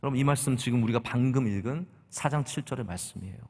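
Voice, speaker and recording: A man's voice: medium pitch, quick pace, gravelly, darkish tone, slightly rough. A middle-aged man preaching a sermon as pastor, talking conversationally and asking the congregation rhetorical questions. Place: church sanctuary. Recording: long church hall reverb.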